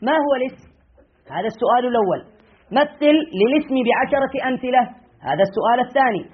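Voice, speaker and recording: High-voiced sheikh teaching grammar on a tinny recording. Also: male voice, lively intonation, husky. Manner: questions students and repeats key phrases slowly. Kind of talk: classroom grammar lesson.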